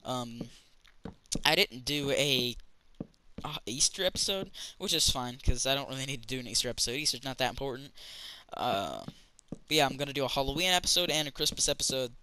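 A man's voice: mid-range voice, fairly quick, bright, forceful tone, slight background noise, rough recording. A man chatting casually as he plays a building game for his channel, rambling with lots of fillers and restarts. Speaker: gaming channel host. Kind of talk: casual let's-play commentary.

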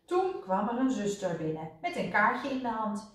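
Expressive woman reading a storybook aloud. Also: fairly high pitch, normal speed, distant mic. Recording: roomy echo, voice off-mic.

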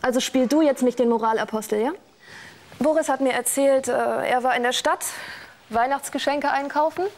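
A woman's voice: fairly high pitch, vocal fry. An actress playing a blunt witness in a scripted courtroom show, mocking the man beside her. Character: blunt, scornful female witness.

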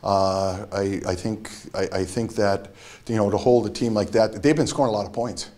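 A middle-aged man speaks as a basketball head coach after a game, his voice sitting a bit low. He talks in a measured, halting way, often restarting his sentences. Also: steady tone, mellow. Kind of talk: postgame interview. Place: press backdrop room.

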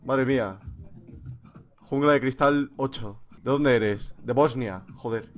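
A young man with a Spain Spanish accent, joking and animated through comedic video commentary. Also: mid-range voice, slow. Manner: animated, joking, swings into silly voices. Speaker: video creator.

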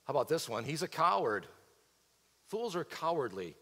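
Middle-aged pastor preaching in a hall. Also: male voice, on the high side, sing-song, normal speed, a bit bright. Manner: expository preaching with rhetorical questions, pacing the stage. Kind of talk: sermon. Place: large church auditorium stage. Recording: reverberant church hall.

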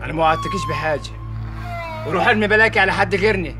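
A man's voice: high voice, racing, music in the background, lightly acted. An actor with an Egyptian accent playing a scornful young man who jilts his lover. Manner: scornful, dismissive.

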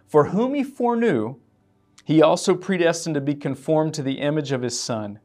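A pastor preaching an earnest, emotional sermon and reading scripture aloud. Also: male voice, on the high side, animated, moderate pace, darkish tone. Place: church.

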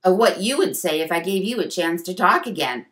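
A woman voicing a quiet, shy fifth-grade boy in a storybook read-aloud. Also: on the low side, lively intonation, a little fast, natural voice. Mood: earnest. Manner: soft, quiet.

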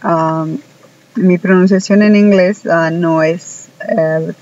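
A woman whose first language is Spanish teaches English at an unhurried pace, her pitch staying flat and even. She pauses often with soft "ah" sounds between examples. The recording has a slightly dull, lo-fi quality. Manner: slow, deliberate, many hesitant "ah" fillers. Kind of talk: recorded online language lesson.

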